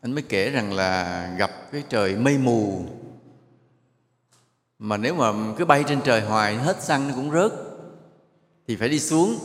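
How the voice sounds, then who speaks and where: A male monk delivers a sermon before a live audience, telling stories and drawing the crowd in with questions and gentle jokes. His voice sits at an ordinary middle pitch. The sound is roomy, with a long reverb trailing off through a large hall. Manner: storytelling, asks the audience questions and jokes with them. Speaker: monk giving a dharma talk.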